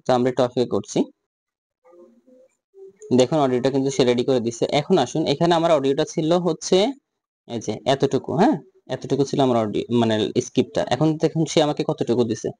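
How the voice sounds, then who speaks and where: A man talking through a software tutorial step by step, asking himself questions and answering them. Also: mid-range voice, no room sound. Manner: repetitive step-by-step instructions, rhetorical questions. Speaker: tutorial host. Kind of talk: screen-recorded software tutorial.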